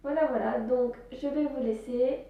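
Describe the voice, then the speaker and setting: A woman's voice: sits high, fairly even intonation, a little slow, gravelly, phone-quality sound. A woman giving casual life-organisation advice on her vlog, chatty and informal, full of fillers. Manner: chatty, with many fillers like "voilà" and "hop". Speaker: business vlogger. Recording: very echoey room, distant mic.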